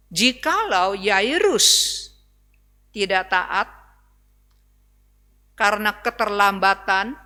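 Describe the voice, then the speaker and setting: Bright-voiced woman pastor in a reverberant church. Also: medium pitch, smooth. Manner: conversational preaching, often addressing the congregation as brothers and sisters. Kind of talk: sermon. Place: church hall.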